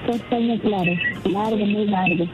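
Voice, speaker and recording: A woman's voice: medium pitch, fairly even intonation, unhurried, over loud music. A woman, answering shyly and briefly on a phone call. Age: 30s. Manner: shy, brief answers, giggly. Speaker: caller.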